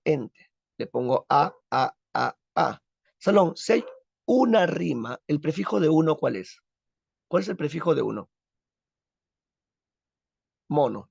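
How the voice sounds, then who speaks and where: A man with a fairly high, darkish, breathy voice with vocal fry teaches a literature class in a recorded lesson. He quizzes students and answers the questions himself, captured in a dull, dry lo-fi recording with no echo.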